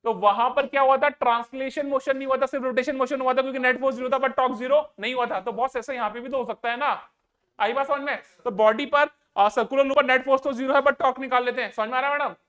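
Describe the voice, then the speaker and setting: A man's voice: extremely high pitch, steady tone, fast talker, a bit bright. A man teaching physics to a live class. He asks a question, answers it himself and repeats it, and he coaxes and scolds students to pay attention.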